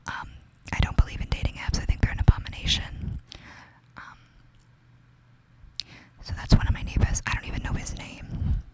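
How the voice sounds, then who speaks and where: A woman's voice: moderate pace, pauses often, low-quality recording. Young new york woman whispering gossip asmr style, super chatty and confiding, says like a lot. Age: young adult. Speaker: ASMR creator.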